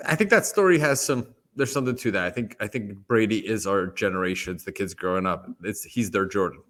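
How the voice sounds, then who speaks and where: Teasing, excitable podcast co-host man. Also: fairly low pitch, a little fast. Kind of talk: casual chat.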